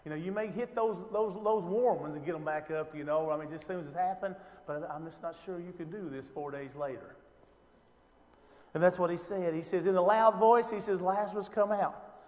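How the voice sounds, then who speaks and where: A man's voice: high-pitched, brisk, a little mellow, big-room sound. Chatty man teaching a Bible class. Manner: conversational, many rhetorical questions and fillers. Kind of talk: informal Bible lesson.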